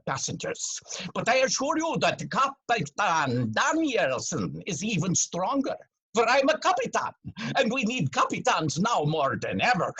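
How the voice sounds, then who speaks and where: A pompous airline captain, played by a man, booms over the intercom in a comic audio play, his husky voice swooping wildly up and down as he preens. Every phrase lands with grand self-importance and a sly wink. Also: pushed and bright, heavily acted, low-quality recording. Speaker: actor in an amateur audio play. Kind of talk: comic audio drama acting.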